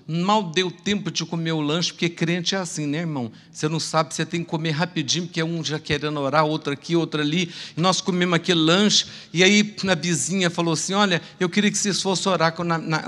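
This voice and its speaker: Man preaching in an echoing church. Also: fairly high pitch. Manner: lively storytelling, swinging from loud praise to hushed narration. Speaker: pastor. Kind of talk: sermon testimony storytelling. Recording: long church hall reverb.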